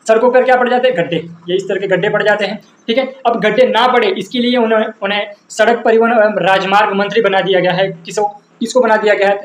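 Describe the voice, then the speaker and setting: A man teaching an exam-prep lesson with memory tricks, asking and answering his own questions over and over. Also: high voice. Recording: roomy echo, faint background noise.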